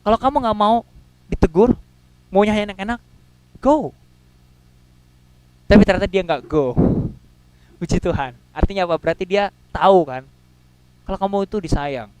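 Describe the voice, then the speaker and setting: A man preaching a sermon in a casual, slangy way, swinging between loud and soft and acting out quotes. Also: high-pitched, normal speed, long pauses, smooth, no echo, rough recording.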